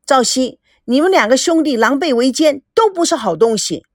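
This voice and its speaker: A proud, quick-tempered young woman, put on by a female reader, scolds in a shrill, angry voice that jumps high and dips hard. The sound is dry and close, with no room around it. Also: animated, dry recording. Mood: furious.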